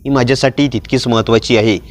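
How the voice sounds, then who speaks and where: A man voicing a quiet, earnest young man who is protective and weighed down by guilt. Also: medium pitch, steady tone, fast talker, natural voice. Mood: tender.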